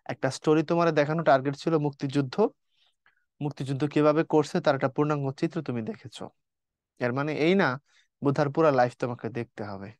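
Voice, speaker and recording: A male teacher, talking softly and slowly in an online class because he has a mild fever and a cold. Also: a little high, dry recording. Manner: speaks softly and slowly, teasing students.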